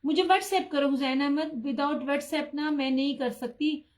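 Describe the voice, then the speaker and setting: Woman, high voice, live-stream seller, chatty, pushy about price. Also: fairly even intonation, measured pace, rough recording. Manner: chatty, addresses viewers by name, insists on low prices. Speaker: online clothing seller. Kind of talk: live-stream sales pitch.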